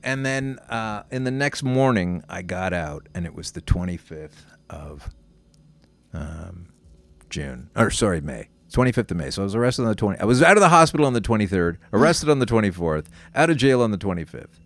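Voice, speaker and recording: A man telling a long story as a guest, rambling with halting restarts and swearing. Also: on the low side, animated, gravelly, no echo. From Canada. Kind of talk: casual storytelling.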